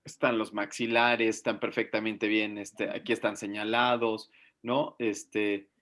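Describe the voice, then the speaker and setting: A man leading a medical class, talking in a lively, questioning way with many fillers. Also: fairly low pitch, measured pace. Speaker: medical teacher. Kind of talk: online class discussion.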